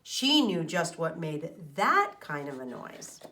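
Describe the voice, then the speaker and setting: Reading a storybook to young children, this woman teacher is expressive, pausing to explain things and pose questions to her listeners. She speaks slowly in a deep voice.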